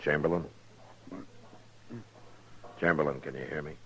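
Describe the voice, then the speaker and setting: An actor playing a steady, stern frontier marshal, terse and authoritative, in an old-time radio western. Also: male voice, rumbling low, unhurried. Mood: quiet, resolute. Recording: dull old radio recording.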